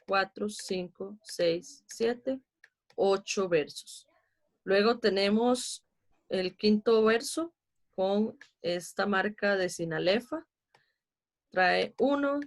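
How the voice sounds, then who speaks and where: A woman's voice: mid-range voice, gravelly. A Costa Rican woman teaching an online class, patiently explaining poetry meter step by step and counting syllables aloud. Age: adult with a child.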